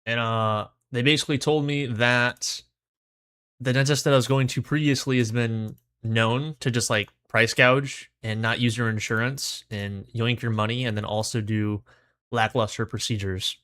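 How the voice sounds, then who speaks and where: Casting: male game streamer, medium pitch, dry sound, relaxed slangy chat, speaking with a dentist-numbed mouth. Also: moderate pace, smooth, no echo. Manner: talking with a mouth numb from the dentist; laid-back, slangy. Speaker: livestream host. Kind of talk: casual gaming livestream chat.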